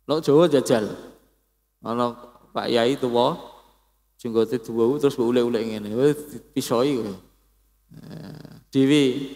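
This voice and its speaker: A man's voice: mid-range voice, gravelly. A man giving a casual religious study lecture as an Islamic teacher, in a homely, teasing way with everyday examples. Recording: long echo of a reverberant hall.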